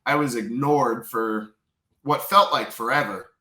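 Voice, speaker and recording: A man's voice: medium pitch, measured pace, bright, forceful tone, echoey room. A man intensely retelling a painful personal experience as a memoir author, repeating phrases as he tells it. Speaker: memoir author telling his prison story. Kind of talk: personal storytelling.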